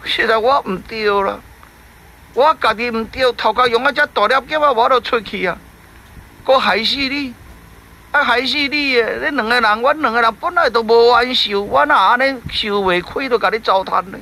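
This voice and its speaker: A man with a Taiwanese Hokkien accent voicing a lonely, self-pitying salamander with a shrill, wailing manner. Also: moderate pace, pushed and bright, full character voice. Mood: remorseful.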